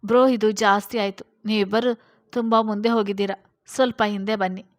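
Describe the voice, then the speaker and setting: A woman's voice: mid-range voice, little pitch movement, normal speed, lightly acted. A woman voicing a defensive, flustered young man in a read-aloud story. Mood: annoyed.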